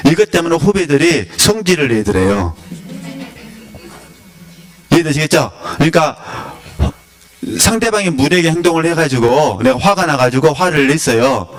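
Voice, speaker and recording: A man teaching in a relaxed sermon style, talking to his listeners like a conversation. He keeps throwing questions at them and lets out small chuckles as he goes. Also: medium pitch. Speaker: teacher of a spiritual academy.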